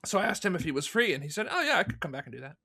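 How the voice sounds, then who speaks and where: A man appears as an interview guest, a fan audio drama producer, giving long conversational answers and telling stories while acting out remarks he remembers. His voice is high, sing-song, bright, and forceful, and he talks rapid-fire.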